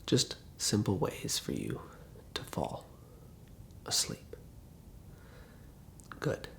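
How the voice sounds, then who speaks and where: Slow, gravelly man in a hushed ASMR whisper. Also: on the low side, wildly swooping pitch. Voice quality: hushed, breathy. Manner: slow, gentle instructions with many pauses. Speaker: ASMR host. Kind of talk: ASMR whisper, guided relaxation.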